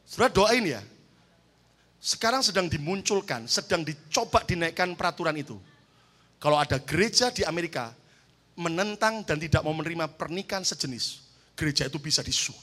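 A man preaching a sermon, fervent and storytelling, calling the congregation to say amen and rising into loud shouts. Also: a little high, fairly quick. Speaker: pastor.

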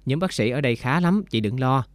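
A man reading the part of a calm, practical male doctor, speaking in a matter-of-fact, calming way. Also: medium pitch, a little fast, dry recording, natural voice.

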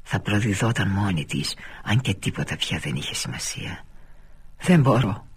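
A man reading a novel aloud for radio in a measured, deliberate storytelling manner, with a husky voice. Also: low-pitched, lively intonation, fairly bright tone. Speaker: reader of a novel. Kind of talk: literary audiobook narration.

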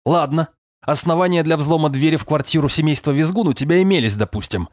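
A man's voice: fairly high pitch, expressive, a little fast, dry recording, studio quality, pitched above the performer's own voice. A man voicing a furious, stout middle-aged police lieutenant colonel who scolds with bellowing sarcasm. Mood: raging.

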